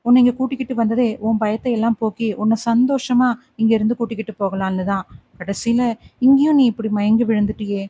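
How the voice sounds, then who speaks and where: Audiobook: woman narrator voicing assured young husband, mellow, close and dry. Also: a little high, fairly even intonation, brisk, husky, no echo, lo-fi sound. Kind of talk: audiobook character voice.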